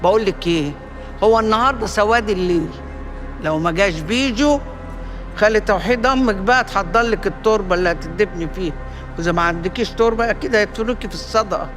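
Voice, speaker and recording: An actress playing a fierce, sharp-tongued older matriarch in an Egyptian TV drama, speaking with an Egyptian accent. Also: female voice, mid-range voice, fast talker, music in the background, natural voice. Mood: scornful. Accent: Egyptian Arabic. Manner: sharp, mocking, threatening.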